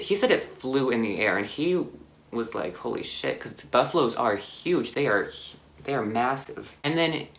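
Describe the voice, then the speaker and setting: A young man telling a car crash story on his vlog, halting and shaken, with many fillers and restarts. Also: fairly low pitch, fairly bright tone. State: anxious, shaken. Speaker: vlogger.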